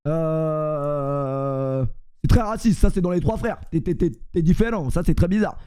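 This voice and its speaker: Joking high-voiced French streamer man. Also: measured pace, dark tone, clear, resonant tone. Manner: joking, rambling, self-mocking. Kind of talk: casual stream chat.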